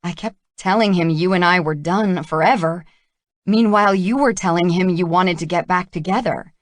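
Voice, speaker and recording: A hurt, earnest young woman in an audiobook romance, as a woman narrator reads her. She pleads in quick rushes of words, her voice fairly low. The sound is dry and close. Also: no room sound, lightly acted. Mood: rueful.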